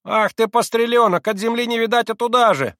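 A shrill market woman scolds at the top of her voice, as a male reader puts her on. Her pitch climbs far above the reader's own. The recording is dry and close. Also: fairly even intonation, a little fast, fairly bright tone, no room sound. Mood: shrill scolding. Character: shrill, scolding female market trader, not old.

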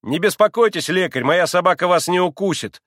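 A man reading aloud and voicing an insolent teenage schoolboy who snaps loudly and mockingly. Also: sits high, animated, brisk, no echo, studio quality, pitched above the performer's own voice. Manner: sharp, loud, mocking.

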